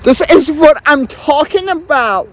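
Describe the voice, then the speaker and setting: Man, high voice, slow easy pace, playful, whoops and sings, outdoor bonfire vlog. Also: lively intonation, fairly bright tone, slight background noise. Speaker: vlogger. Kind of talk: casual vlog chatter.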